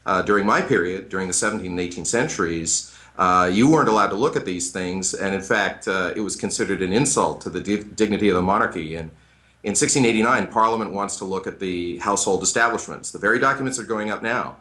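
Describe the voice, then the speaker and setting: A middle-aged American history professor explains at length in a radio interview, thoughtful but hesitant and using many fillers. His voice is deep, bright and forceful, and he talks fast.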